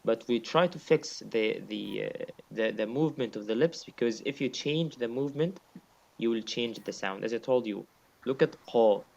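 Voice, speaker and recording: A male teacher gives a patient one-on-one lesson, going over each point more than once and demonstrating the sounds aloud. His voice sits at an everyday middle pitch for a man. The recording is a little dull and lo-fi. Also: normal speed, vocal fry. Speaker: Quran recitation teacher.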